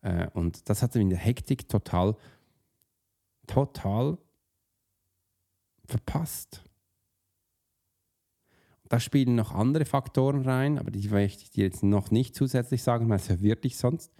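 A man with a mid-range, mellow voice, talking a little fast with few pauses, gives a motivational teaching monologue as a profiling coach on self-sabotage. He speaks straight to the listener in an informal way, asking casual rhetorical questions and restarting words mid-sentence and even mid-word.

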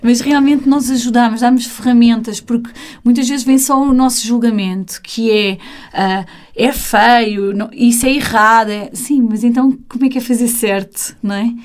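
A woman teacher with a European Portuguese accent talks in a casual conversation. Her voice sits fairly high for a woman. She speaks animatedly and slips into the voices of children and adults as she explains. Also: moderate pace, mellow.

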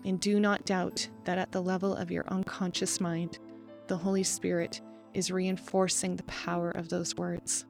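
A woman hosting a podcast, leading a guided meditation in a calm, slow and measured voice with soft pauses. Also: lowish voice, gravelly, soft background music. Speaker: podcast host.

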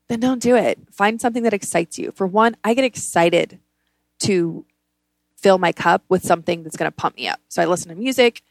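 Female podcast host, mid-pitched with noticeable fry, dry close sound; casual, blunt, emphatic motivational delivery. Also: no room sound. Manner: informal, blunt, emphatic with repeated words. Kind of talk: casual motivational self-help podcast talk.

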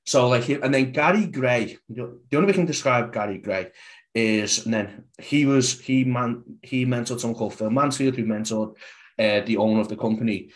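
A man's voice: mid-range voice, moderate pace. A young adult man with a Scouse accent, a fitness coach talking as a podcast guest, rambling and full of "like". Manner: rambling, heavy use of "like". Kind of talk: casual podcast chat.

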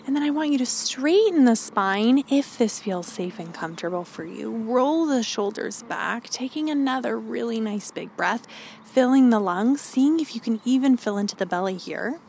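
A woman podcast host leading a calm grounding meditation, giving gentle, encouraging instructions. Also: on the high side, moderate pace, vocal fry, slight background noise.

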